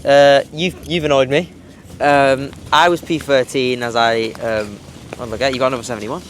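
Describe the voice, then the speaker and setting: A teenage boy hosting a karting vlog, chatting casually and haltingly, with many fillers and restarts. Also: mid-range voice, steady tone, a little hiss or hum. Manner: rambling, hesitant, lots of fillers and restarts. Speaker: kart racer and vlog host. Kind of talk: casual trackside vlog chat.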